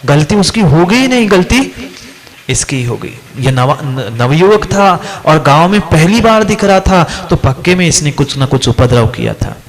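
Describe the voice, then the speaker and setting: A man's voice: on the high side, measured pace. A man, a Jain monk, preaching a sermon through a story and questioning his listeners. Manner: animated, asks the listeners questions.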